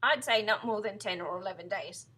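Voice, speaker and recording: A woman voicing a cruel older husband from a children's storybook, who speaks in emphatic, drawn-out, mock-solemn pronouncements. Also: medium pitch, pushed and bright, husky. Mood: ominous, mock-solemn. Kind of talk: children's storybook character reading.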